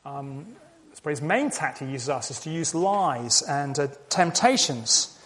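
A man's voice: a little high, lively intonation, a little slow, fairly bright tone, slight background noise. A man preaching a sermon in a conversational way, asking rhetorical questions and repeating key lines.

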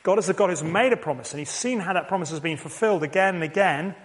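A man preaching a sermon, reading scripture quietly and then asking pleading questions in a raised voice. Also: sits high, fast. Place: church meeting.

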